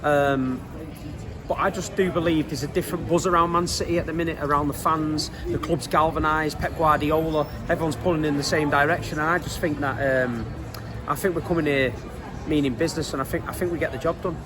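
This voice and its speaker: A man's voice: on the high side, fairly even intonation, a little fast. A man with a Manchester accent giving a casual, earnest interview as a football fan, using colloquial, emphatic phrasing.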